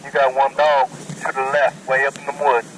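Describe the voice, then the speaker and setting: A man's voice: medium pitch, level tone, moderate pace, far from the mic, very noisy. A hunter, a man, giving short clipped radio calls and directions over a walkie-talkie, outdoors in the woods. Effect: voice heard over a walkie-talkie radio. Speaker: hunter on a dog hunt.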